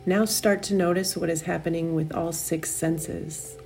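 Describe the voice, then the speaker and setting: A woman guides a meditation in a fairly low voice with heavy creak at the edges. She speaks very slowly and soothingly, leaving long pauses between her gentle instructions. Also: fairly even intonation, soft background music.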